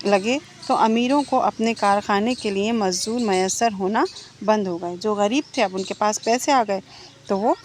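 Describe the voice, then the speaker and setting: A woman teaches an exam-prep lesson at a medium pitch, posing questions to her listeners and answering them herself. She goes back over each key point. Birds and insects chirp clearly behind her in a noisy recording. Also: unhurried.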